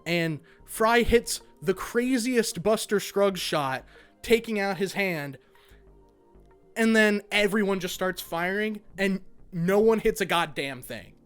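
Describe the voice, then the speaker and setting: A man's voice: high voice, expressive, takes it slowly, fairly bright tone, smooth, soft background music. A young man giving a casual spoken cartoon review, ranting and swearing in exasperation. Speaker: animation reviewer.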